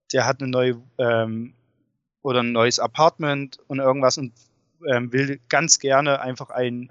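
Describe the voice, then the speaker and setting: A man talks casually and with enthusiasm as an interview guest. His pitch is average. The recording is a little dull and muffled. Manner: enthusiastic, informal. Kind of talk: casual chat. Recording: dull, muffled sound with room echo.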